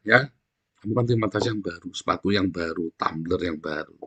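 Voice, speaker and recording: A man preaching a fiery, blunt sermon. He talks coarsely, keeps addressing his listeners as brothers and sisters, and swings between loud outbursts and low asides. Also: normal speed, husky. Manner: blunt and coarse, often addressing the congregation as "saudara"; bursts into loud shouting, then drops low. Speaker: pastor.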